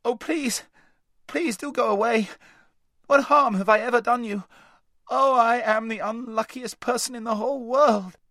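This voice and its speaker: A man puts on a scared, worn-out young boy from a storybook, pitched far above his own voice. He pleads and cries out, high and strained, swooping up and down, dry and close. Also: big pitch swings, normal speed, vocal fry, slightly rough, no room sound, exaggerated voice. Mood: frightened. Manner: high, pleading, near-screaming. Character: frightened, tired, self-pitying young boy.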